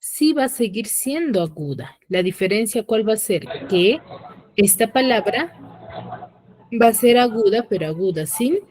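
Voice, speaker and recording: A woman's voice: a little high, lively intonation, a little slow, a little mellow. A woman teacher giving an online lesson, who keeps asking her students questions and checks their understanding with short prompts. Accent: Peruvian Spanish.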